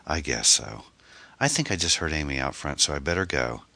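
A man's voice: rumbling low, expressive, a little fast, creaky, bright, forceful tone, dry recording, exaggerated voice. A man voicing a worried, hesitant middle-aged single mother. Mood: anxious.

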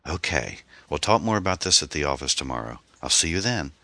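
A man's voice: very deep voice, sing-song, fairly quick, sharp tone, no echo, exaggerated voice. A man voicing a coaxing, reassuring woman friend. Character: gentle supportive middle-aged woman friend.

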